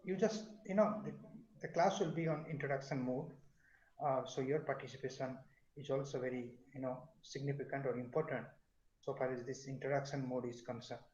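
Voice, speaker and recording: Soft-spoken professor lecturing over a call. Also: male voice, mid-range voice, steady tone, fairly quick. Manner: questioning students, many fillers. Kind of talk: online class lecture. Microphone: video call. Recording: echoey, dull online class audio.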